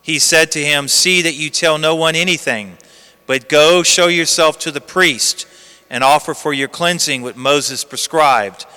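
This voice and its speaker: A man's voice: medium pitch, bright, forceful tone, smooth. A man, a priest, reading the gospel and giving an earnest storytelling homily, his voice carrying a cathedral echo. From United States. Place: large church. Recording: long church reverb.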